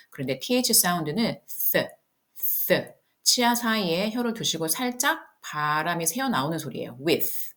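Woman from Korea, English tutor, low pitch, very slow and animated delivery of practice phrases. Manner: explains in Korean, reads English lines slowly and clearly. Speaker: English teacher. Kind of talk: English pronunciation lesson.

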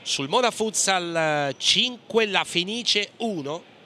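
A man's voice: sits high, expressive, slow pace, sharp tone. A man commentating live on a futsal match in clipped play-by-play with hesitations, passing from name to name. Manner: clipped running play-by-play, naming players pass by pass, with hesitations. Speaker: sports commentator. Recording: gym ambience with clear background noise. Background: indoor sports hall sounds, bouncing ball.

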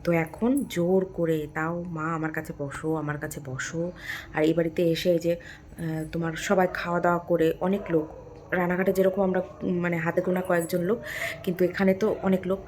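A woman vlogger chatting casually at home at night, lively while talking with her husband, then speaking softly so a child can sleep. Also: on the low side, brisk, slight background noise. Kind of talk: casual home vlog chat.

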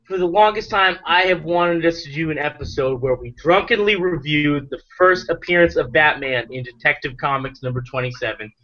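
Drunk, bright-voiced male host. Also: fairly high pitch, moderate pace, few pauses. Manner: rambling, with loose restarts. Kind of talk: casual chat. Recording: dull lo-fi sound.

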